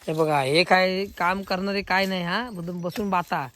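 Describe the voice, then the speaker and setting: A man with a Konkan Marathi accent, filming a casual outdoor vlog on a phone and excitedly calling out to friends. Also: sits high, normal speed. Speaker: vlogger. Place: outdoors in a village field. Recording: crowd noise outdoors. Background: crowd of villagers.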